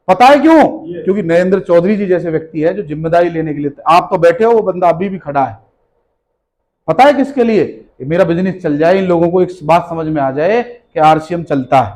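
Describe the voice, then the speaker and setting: A man's voice: high-pitched, low-quality recording. A man giving a motivational seminar speech, firing rhetorical questions at the audience and repeating his points with emphasis. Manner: emphatic, scolding, repeats key phrases. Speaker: motivational business speaker. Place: seminar hall with a live audience.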